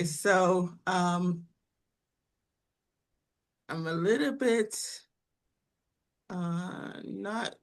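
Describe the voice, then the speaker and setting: A woman from Trinidad and Tobago hosting a roundtable on a video call, encouraging and unhurried. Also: fairly low pitch, fairly bright tone. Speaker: roundtable host.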